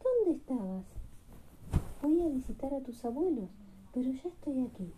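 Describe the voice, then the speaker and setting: A woman's voice: high voice, sing-song, normal speed, mellow, a little hiss or hum, low-quality recording. A woman voicing a loving mother elephant who speaks affectionately.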